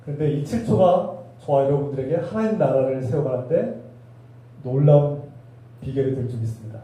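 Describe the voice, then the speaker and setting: A man's voice: medium pitch, brisk, warm tone. A male pastor preaching a sermon, with rhetorical questions and emphatic repetition. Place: church sanctuary. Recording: echoey hall, voice from a distance.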